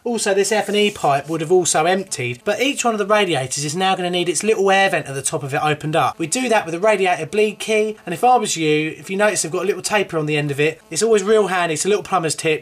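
A cheeky, chatty British plumber in his thirties, talking straight to a close camera inside a house. His voice sits a little on the high side and he keeps things light with jokey asides. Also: fairly bright tone. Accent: British English. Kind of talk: hands-on plumbing tutorial. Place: inside a house, airing cupboard and rooms. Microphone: wide-angle camera held close or set on floor.

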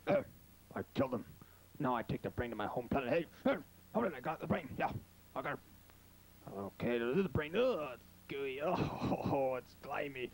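A man's voice: mid-range voice, animated, normal speed, natural voice. A man playing a vengeful, bumbling alien in an amateur sci-fi B-movie spoof, with clumsy, offhand threats. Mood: bumbling, triumphant. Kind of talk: amateur 1950s sci-fi parody acting. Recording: noisy amateur videotape with hum.

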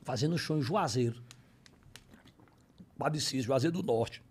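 On a podcast, a male comedian tells a comic story in slangy, profane language, swinging between low mutters and loud exclamations. He talks at a moderate pace with a breathy edge.

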